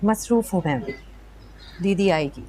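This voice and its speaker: A woman's voice: fairly low pitch, animated, a little slow. An actress playing a proud young woman who speaks firmly and defiantly. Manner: firm, defiant. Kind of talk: TV serial acting. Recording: background music score.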